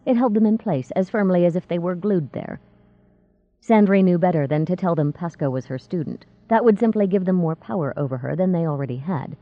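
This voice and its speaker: A woman narrating a fantasy novel in a steady, measured reading. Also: on the low side, dry recording. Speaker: audiobook narrator. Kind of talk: scripted narration. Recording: tinny phone-like dry sound.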